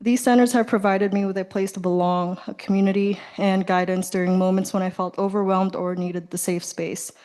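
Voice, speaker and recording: A woman's voice: mid-range voice, little pitch movement, a little fast, few pauses, a little mellow. A young woman, out of breath after running in, giving an earnest public comment at a student council meeting.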